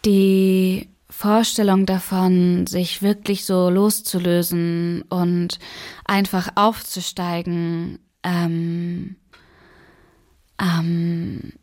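A woman's voice: on the low side, level tone, extremely slow, a little mellow. A woman who acts in a stage play, reflecting on the performance and often restarting her sentences as she searches for words. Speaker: stage actor. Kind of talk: reflective talk about a performance.

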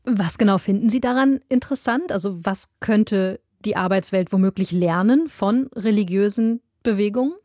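A woman hosting an interview, asking calm, probing questions. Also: mid-range voice, normal speed, hardly any pauses, no room sound, studio quality. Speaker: interviewer, host.

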